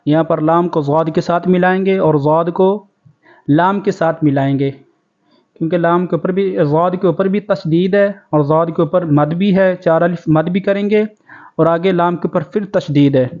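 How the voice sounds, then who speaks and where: A male Quran teacher from Pakistan giving a tajweed lesson, chanting verses slowly and then explaining the rules of pronunciation quickly. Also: fairly high pitch, a little mellow. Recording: dull lo-fi recording.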